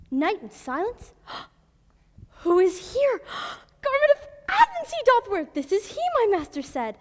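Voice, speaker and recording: A woman's voice: very high-pitched, big pitch swings, darkish tone, heavily acted. A woman playing the mischievous fairy sprite Puck in a school stage play, gasping and taking her time over each line. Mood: sly. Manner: breathy gasps, slow storytelling delivery. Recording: stage mic with hall reverb.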